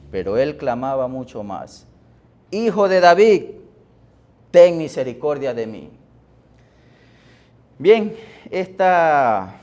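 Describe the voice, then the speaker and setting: A man preaching a sermon as pastor, deliberate, with pauses and fillers, rising in force on key words. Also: on the low side, darkish tone. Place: church.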